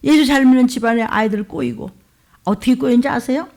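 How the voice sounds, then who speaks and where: A woman pastor preaching a fiery sermon, scolding her listeners with sharp rhetorical questions. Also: high voice, fast, gravelly.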